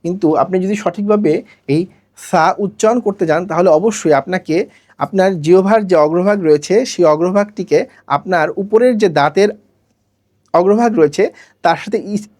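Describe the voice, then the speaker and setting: A Quran recitation teacher giving a pronunciation lesson, drilling syllables slowly and asking students to repeat after each one. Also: mid-range voice, a little mellow.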